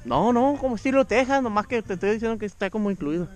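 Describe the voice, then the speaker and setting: Excitable angler on a boat. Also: male voice, high-pitched, fast, faint music behind. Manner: excited, slangy, swears freely. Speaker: angler filming his fishing trip. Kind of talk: casual fishing vlog banter. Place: outdoors on a bass boat on a lake. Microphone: first-person action camera.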